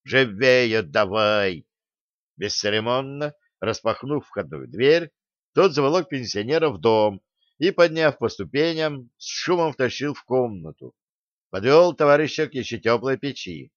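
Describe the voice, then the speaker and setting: A man narrating an audiobook in a steady storytelling manner, at a middling pitch. The recording is dry and somewhat dull. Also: moderate pace, no echo.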